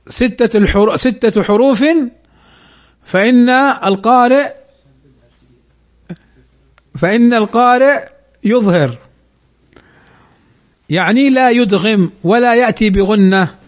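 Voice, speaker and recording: A man teaching Quran recitation rules, asking questions and slowly drawing out recited examples. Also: high-pitched. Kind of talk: slow Tajweed lesson.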